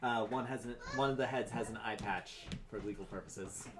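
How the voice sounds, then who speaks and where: A man's voice: fairly low pitch, moderate pace, noisy background. A man speaking casually as game master, narrating a tabletop game.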